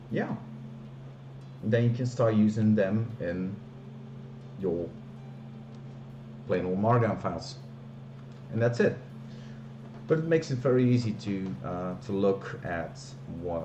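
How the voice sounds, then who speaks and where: Demonstrating software on a relaxed live stream, a deep-voiced Flemish man, a native Dutch speaker with a Flemish accent, frequently stumbles over fillers and restarts. The sound is reverberant, and background noise can be heard.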